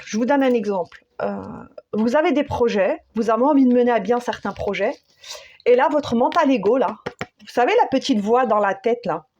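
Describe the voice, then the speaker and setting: Woman tarot reader, slightly high voice; unhurried and halting, talking to listeners as friends. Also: a little mellow. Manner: searching for words, many fillers, addresses listeners as friends; slow, soothing, repeats key phrases. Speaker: tarot and spiritual guidance reader. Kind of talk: spontaneous spoken guidance.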